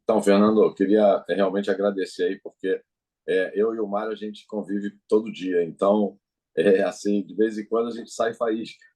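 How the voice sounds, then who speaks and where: A man's voice: fairly low pitch, steady tone, moderate pace, mellow. A man taking part in a mentoring session, speaking hesitantly with many fillers. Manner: hesitant, filler-heavy, acts out quoted lines. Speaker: mentoring participant. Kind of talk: casual chat.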